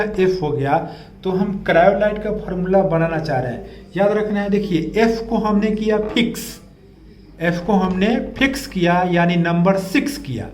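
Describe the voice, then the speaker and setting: Male chemistry teacher, high voice, patient and repetitive, echoey room faint hiss. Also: a little mellow. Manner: patient, repeats key terms and asks the class questions. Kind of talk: classroom lecture with memory tricks.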